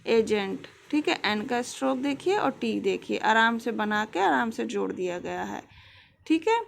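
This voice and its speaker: Woman shorthand tutor, very slow delivery, heavy vocal fry, reads textbook lines word by word then explains. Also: fairly high pitch, lively intonation, slight background noise. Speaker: shorthand teacher.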